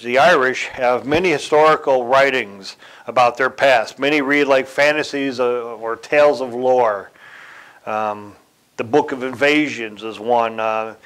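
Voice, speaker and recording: A man giving a sermon in a deliberate way, pausing, correcting himself and chuckling now and then. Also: medium pitch, a bit bright, rough recording. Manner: slow, deliberate delivery with occasional chuckles and self-corrections. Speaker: church speaker.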